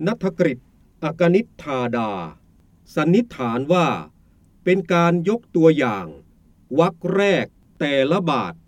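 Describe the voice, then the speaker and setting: A man explains and recites classical verse at a very slow, deliberate pace. His voice sits high and swoops up and down as he chants the lines. The sound is dry and close, with no room echo. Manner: slow, drawn-out recitation with lively pitch. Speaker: teacher.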